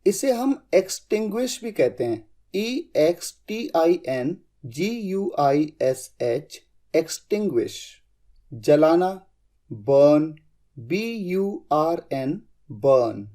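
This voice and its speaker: A man's voice: a little high, big pitch swings, drawn-out words, dark tone. A man teaching English vocabulary in a lesson, spelling out each word letter by letter.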